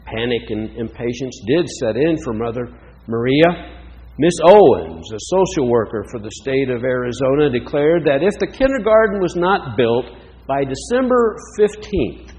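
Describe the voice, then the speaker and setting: A man delivers a reflective sermon at a slow, deliberate pace, his pitch moving expressively through each phrase. His voice carries the long reverb of a large hall. The recording sounds muffled and lo-fi. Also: darkish tone. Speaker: preacher.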